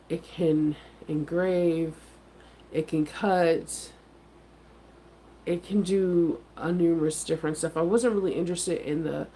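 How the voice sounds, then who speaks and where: A congested middle-aged woman, a vlogger who also sells crafts, rambles through a casual morning chat with her viewers, leaning heavily on fillers. Her head cold shows in a deep, dark voice, and there's a little hiss or hum in the background.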